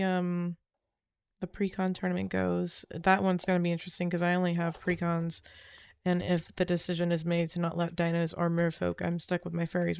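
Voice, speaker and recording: A woman's voice: fairly low pitch, creaky, darkish tone, smooth, no room sound. A woman streamer chatting casually after a game, rambling, trailing off and correcting herself as she goes. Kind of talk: casual chat while gaming.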